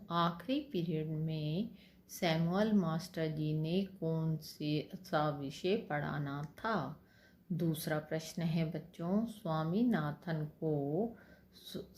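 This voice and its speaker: A woman's voice: low voice, darkish tone. A woman school teacher explaining a story lesson, who keeps speaking to the children and answering her own questions.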